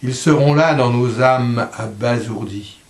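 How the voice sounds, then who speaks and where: A man reciting poetry in a slow, solemn voice, letting line endings drop softly. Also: medium pitch, roomy sound. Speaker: poetry reader.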